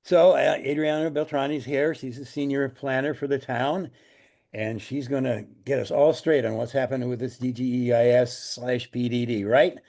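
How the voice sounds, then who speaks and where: A man's voice: mid-range voice, fairly even intonation, moderate pace, a little mellow. Man casually chairing an online meeting. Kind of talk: informal chairing of a public meeting. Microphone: video call.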